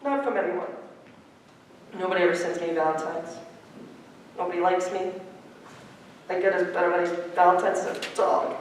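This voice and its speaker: A woman's voice: a little high, lively intonation, a little slow. A woman playing an anxious, hapless young boy in a stage musical, talking and singing nervously. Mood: dejected. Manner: nervous, self-doubting, sings between lines. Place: theater stage. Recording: echoey hall from far off, music.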